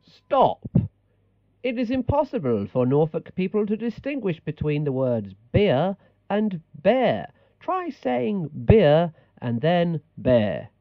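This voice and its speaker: A man's voice: high voice, big pitch swings, slow pace, no room sound, phone-quality sound, exaggerated voice. A man playing a bossy, exasperated language-tape instructor in scripted comedy narration. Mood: instructive.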